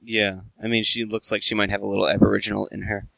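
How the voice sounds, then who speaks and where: Low, gravelly man, wry and blunt. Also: level tone, quick pace, bright, forceful tone, no echo. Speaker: podcast co-host. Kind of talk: casual chat.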